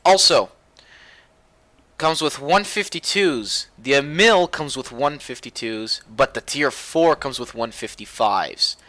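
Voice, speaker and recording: A young man giving casual, rambling gameplay commentary as a video host, getting loud and excited at times. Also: mid-range voice, a little slow, no room sound. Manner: excitable, rambling, gets loud when animated.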